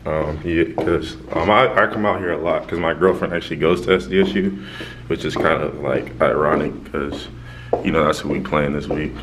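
A man's voice: a bass voice, moderate pace. A young man, a college basketball player, vlogging in casual slangy talk while filming himself at arm's length on a team trip. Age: young adult. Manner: joking, slangy, teasing friends. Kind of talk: casual vlog chat. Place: bus, hotel room and restaurant. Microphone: handheld camera at arm's length. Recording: loud background noise.

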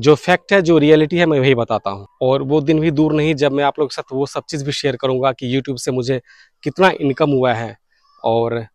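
A mid-range male voice belongs to a radio hobbyist in his thirties who vlogs casually to camera. He explains things earnestly to viewers and mixes in English words while standing on an open balcony or rooftop beside fields. The clip-on lapel mic gives studio-quality audio without echo.

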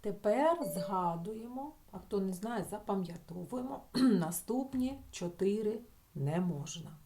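A woman teacher patiently explaining spelling rules in a recorded lesson for schoolchildren, stretching example words out slowly and checking in with the class. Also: medium pitch, lively intonation, background noise. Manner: talks the class through with filler sounds and checking "так?".

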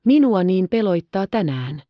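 A woman's voice: mid-range voice, sing-song, no room sound, highs cut off, natural voice. A woman reading an audiobook, voicing an eager, anxious young noble girl with light characterization.

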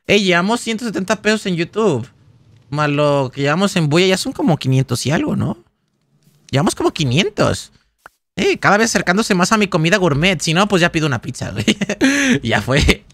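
A man's voice: sits high, sing-song, a little fast, a bit bright, dry recording. A man, livestreaming a game and chatting casually in a rambling, jokey way as he reads out donations and chat. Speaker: gaming livestreamer. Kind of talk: casual live-stream chat while gaming.

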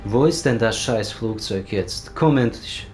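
Slow-talking German-speaking gamer, cursing. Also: male voice, on the low side, expressive. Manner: swears a lot, urges the game on with repeated words. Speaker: let's play gamer. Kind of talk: casual gameplay commentary. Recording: voice over loud game music and gunfire. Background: game music and gunfire.

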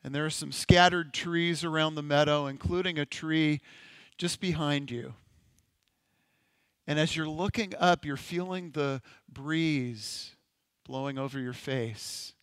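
A male pastor leading a congregation through a slow, gentle guided-imagery meditation in a sermon. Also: a little high, clear, resonant tone, no room sound. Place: church sanctuary.

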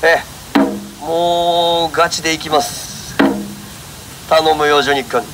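High-voiced man running a monkey street show. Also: little pitch movement, a little slow, loud music behind the voice. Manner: jokingly scolds and coaxes a monkey, then politely addresses the audience. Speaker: monkey trainer and street performer. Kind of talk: live street show banter with a crowd. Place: outdoor autumn festival. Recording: noisy outdoor festival ambience.

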